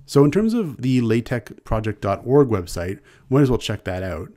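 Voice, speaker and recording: A man with a Canadian accent, a university instructor explaining software in a relaxed, conversational screencast lecture, restarting phrases now and then. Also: mid-range voice, moderate pace. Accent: Canadian English.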